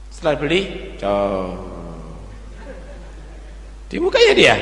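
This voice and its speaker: A man preaching a religious sermon, lively with humorous asides in local dialect. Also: fairly high pitch. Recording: echoey hall with long reverb.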